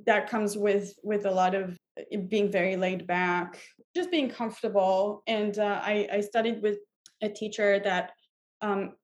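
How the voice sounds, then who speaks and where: A woman's voice: mid-range voice, a little mellow. A woman in her thirties, from Israel, talking as a violinist guest in an interview, thoughtful with many fillers and restarts. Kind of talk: casual interview talk.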